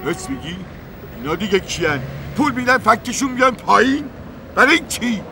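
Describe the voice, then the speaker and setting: An actor playing a puzzled male taxi driver who keeps asking questions and is quick to get riled, in a comic sketch. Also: high-pitched, sing-song, creaky, noisy background, heavily acted. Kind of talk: comic puppet-show acting.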